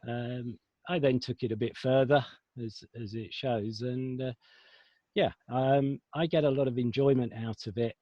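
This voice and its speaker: Uk guy on a video call, mid voice, kinda muffled dry audio, calm with lots of ums. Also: medium pitch, no echo. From United Kingdom. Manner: measured, with fillers. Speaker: guest, international judge. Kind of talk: casual chat.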